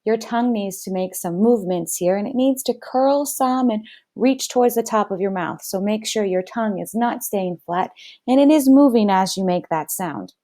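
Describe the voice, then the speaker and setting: A woman teaching first graders a phonics lesson, slow and clear, stretching out sounds for the children to repeat. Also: a little high, warm tone.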